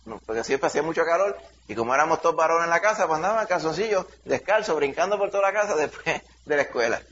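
A middle-aged man with a Dominican accent, a pastor leading a Bible study by telling a lively childhood story with shouted sound effects. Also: a little high, fast. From Dominican Republic. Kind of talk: preaching through a personal story. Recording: dull lo-fi sound, faint hiss.

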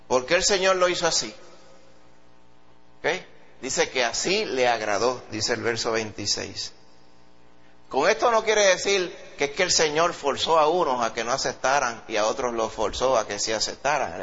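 A man preaching a sermon with a Puerto Rican accent, animated and acting out quoted voices. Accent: Puerto Rican Spanish. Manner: animated, acts out quoted voices in a high pitch. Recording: dull lo-fi sound.

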